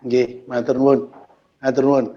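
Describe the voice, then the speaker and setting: A man moderating an online forum, brisk and courteous, on a video call. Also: medium pitch, flat delivery, muffled recording. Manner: brisk, courteous, short acknowledgments.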